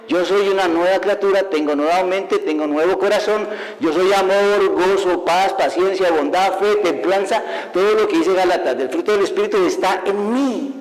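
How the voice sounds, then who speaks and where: A man preaching a sermon as an evangelist, lively and full of rhetorical questions, laughing at his own stories. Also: high-pitched. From Colombia. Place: church hall. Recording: long hall reverb.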